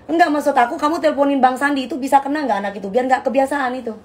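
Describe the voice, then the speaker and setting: A middle-aged woman hosts a casual live stream selling bags, brash and trash-talking as she calls her viewers darling. Her voice is high and she talks at a racing pace.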